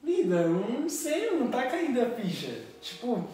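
A man's voice: very high-pitched, wildly swooping pitch, normal speed, warm tone, recorded from a distance. A young man in a casual chat, slangy and saying mano a lot. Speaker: pranked boyfriend. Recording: echoey room, off-mic, faint music.

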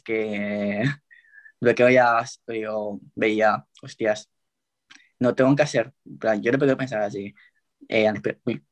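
A young man with a Spanish accent from Spain, talking casually as an interview guest in a relaxed, rambling way with many fillers. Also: medium pitch. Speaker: guest tiktoker.

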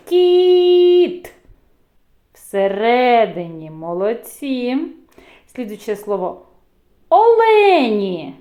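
Slow sing-song woman teaching small children. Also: mid-range voice, narrow, tinny audio. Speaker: preschool teacher. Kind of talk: children's phonics lesson.

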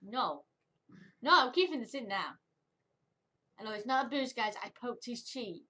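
A woman's voice: on the high side, animated, normal speed, fairly bright tone. A woman chatting casually to camera for her vlog, giggly and upbeat. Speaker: vlogger.

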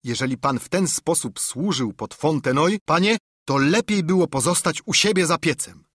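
A man's voice: fairly high pitch, animated, moderate pace, a bit bright, breathy edge, no echo, clean studio sound, pitched above the performer's own voice. A man voicing a stern naval captain. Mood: scolding. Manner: commanding, curt, scornful.

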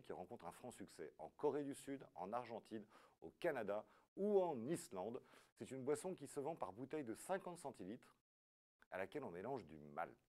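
A man's voice: on the low side, a little mellow. A man hosting a live quiz show, reading questions and scores with playful joking asides.

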